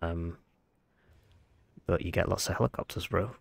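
A man with a croaky, froggy voice, sounding unwell, giving casual game commentary as he thinks aloud. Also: low voice, moderate pace, no echo. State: under the weather, sick voice. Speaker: gaming video host.

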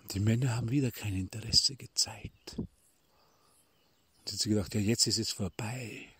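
A middle-aged man giving a devotional talk from a retreat, telling a story and addressing listeners as dear ones, sometimes dropping to a hushed near-whisper, recorded as a phone voice message. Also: lowish voice, steady tone, moderate pace, slight background noise. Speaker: spiritual teacher. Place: retreat in Tuscany.

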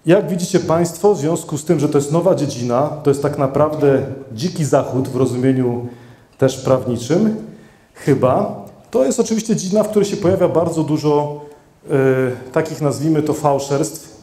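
A man's voice: fairly high pitch, animated, moderate pace, mellow. Middle-aged man, conference talk, handheld mic, hesitant with fillers, roomy hall echo. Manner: hesitant, many fillers and restarts, addresses the audience. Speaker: conference speaker. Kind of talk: conference presentation. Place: conference hall with seated audience. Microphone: handheld microphone.

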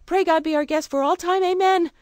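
A woman's voice: very high-pitched, fairly even intonation, fairly quick, dry recording, clean studio sound, pitched above the performer's own voice. A woman voicing a hungry, mistreated little girl who speaks in a pleading, plaintive way in a storybook reading. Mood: earnest.

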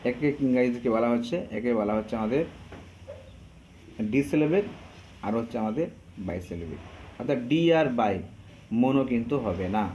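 A man teaching an exam-prep grammar lesson, drawing out example words and pausing to hesitate often. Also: medium pitch, muffled recording, slight background noise. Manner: slow, drawn out over example words, frequent hesitations.

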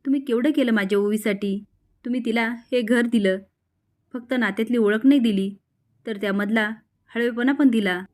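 A woman voicing a grave father who speaks calmly and slowly. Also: a little high, close to an everyday voice. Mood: earnest grave. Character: grave father taking his daughter away.

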